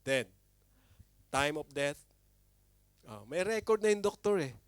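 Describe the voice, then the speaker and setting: Animated pastor preaching, dry close sound. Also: male voice, slow, smooth, dry recording. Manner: animated, with big swings in pitch and loudness. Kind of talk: sermon.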